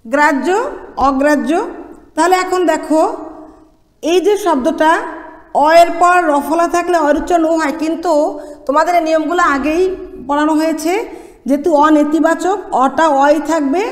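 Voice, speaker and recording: A woman's voice: high-pitched, moderate pace, pauses often. A woman lecturer from Bangladesh teaching pronunciation rules step by step, putting questions to the class and answering them herself. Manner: explains step by step, asks and answers her own questions. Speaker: college Bengali lecturer. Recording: echoey room, long reverb.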